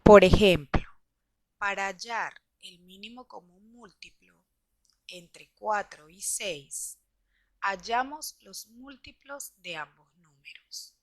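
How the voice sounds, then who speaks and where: Female teacher reading a scripted lesson to pupils, unhurried and deliberate, dry recording. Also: medium pitch, expressive, no echo. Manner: slow, deliberate explaining to children.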